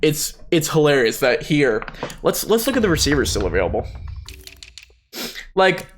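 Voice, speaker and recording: A man's voice: on the high side, big pitch swings, moderate pace, slight background noise. A man giving casual, rambling commentary on a video game, informal and sweary. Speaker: gaming commentator.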